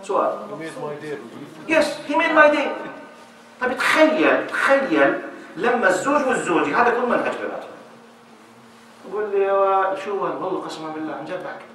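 Animated man lecturing in an echoey hall. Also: sits high, brisk, long pauses. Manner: animated, acts out little dialogues. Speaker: speaker giving a talk on marriage. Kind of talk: lively public talk to an audience. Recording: echoey hall, voice from far off, faint noise.

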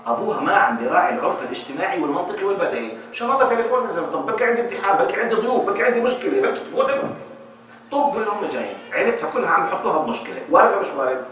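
A man speaks to an audience at a fast clip, his high voice leaping up and down as he acts out small scenes. His tone is bright and forceful. He is picked up from a distance in a very echoey hall. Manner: animated, acts out little dialogues. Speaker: speaker giving a talk on marriage. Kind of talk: lively public talk to an audience. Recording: echoey hall, voice from far off, faint noise.

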